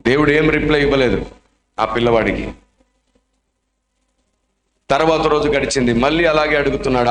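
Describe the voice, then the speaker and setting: A male preacher telling a testimony story in a dramatic, emotional sermon style. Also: mid-range voice. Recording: echoey room.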